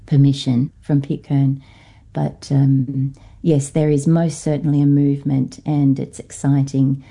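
A woman academic from Norfolk Island, with an accent shaped by Australian speech, is a guest on a radio interview, answering thoughtfully with many pauses and fillers. Her very deep voice is warm, level, creaky and slightly rough.

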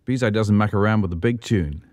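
Low-voiced New radio interviewer. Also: male voice, brisk, darkish tone, no echo, clean studio sound. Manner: brief, direct questions.

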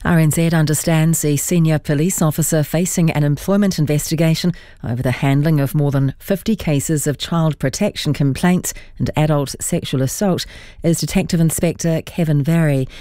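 A woman's voice: sits low, normal speed, mellow, no room sound, studio quality. A woman with a New Zealand accent reading a scripted radio news bulletin. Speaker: newsreader.

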